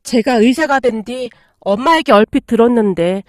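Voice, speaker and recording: A woman narrating a personal story in a steady, expressive storytelling voice. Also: fairly high pitch, moderate pace, no room sound, clean studio sound. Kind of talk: storytelling reading.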